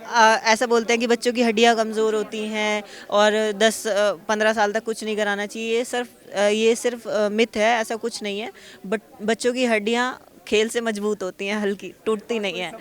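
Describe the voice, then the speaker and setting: A young woman athlete from Uttar Pradesh, talking excitedly and earnestly in an on-the-spot news interview at an outdoor awards event. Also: fairly high pitch. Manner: excited, talks fast and earnestly.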